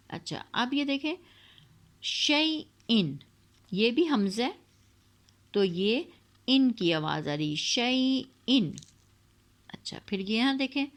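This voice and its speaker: A woman teaching Quran reading in a patient, explanatory voice. She stretches out example syllables slowly, and English words slip into her talk as she explains. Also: mid-range voice. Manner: mixes English words into Urdu. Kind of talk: explaining lesson.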